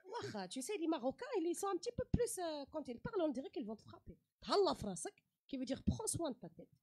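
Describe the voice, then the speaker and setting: A young woman comedian from the Paris suburbs, telling comic stories in an interview with an animated delivery. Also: high-pitched, fast. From Paris suburbs, France. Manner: animated, imitates accents and voices in her anecdotes. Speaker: comedian guest. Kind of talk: lively comic storytelling interview.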